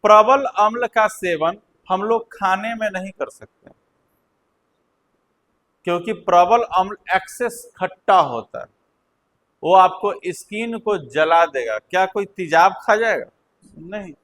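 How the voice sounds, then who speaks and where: A male teacher lectures a class in a fairly high voice. He takes his time, drawing out his words. He keeps repeating the key points and throwing questions at the students. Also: animated, unhurried, a bit bright, low-quality recording.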